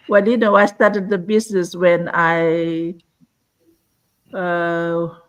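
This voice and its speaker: A woman's voice: on the low side, flat delivery, drawn-out words, low-quality recording. Earnest woman in her sixties from Fiji. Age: 60s. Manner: earnest, frequent "you know" fillers. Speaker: guest entrepreneur. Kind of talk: online live-stream interview.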